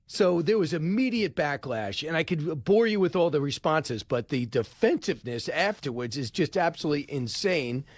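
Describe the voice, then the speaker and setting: Middle-aged guy hosting talk radio, kinda high voice, bone dry mic, fired up commentary. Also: no echo. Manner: animated, indignant, quick asides. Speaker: radio host. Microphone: studio microphone.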